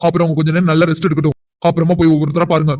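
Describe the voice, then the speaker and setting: A man voicing a formal male doctor in a cartoon, measured and reassuring as he gives medical instructions. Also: on the high side, little pitch movement, a little mellow, no room sound, lo-fi sound, close to an everyday voice. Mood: grave.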